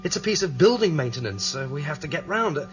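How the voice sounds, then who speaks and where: In a dull lo-fi radio drama with music, an actor plays a calm, planning older man leading a break-in as part of an escape. He lays out the plans with hesitant restarts in a tense mood, his voice on the high side, sing-song and fast.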